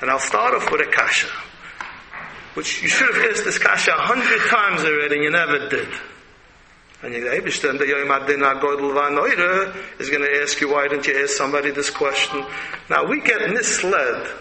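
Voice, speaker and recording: A sharp, forceful man's voice, pitched fairly high, with a Yiddish-inflected American accent. He preaches like an Orthodox rabbi, blunt and emphatic, throwing out question after question. The sound rings in an echoey hall with some noise behind it. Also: normal speed, vocal fry. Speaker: rabbi giving a religious lecture.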